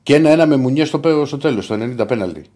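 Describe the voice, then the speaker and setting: A man's voice: medium pitch, lively intonation, warm tone. A man from Greece co-hosting a sports talk show, arguing and interrupting often. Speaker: sports radio host. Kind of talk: heated sports banter.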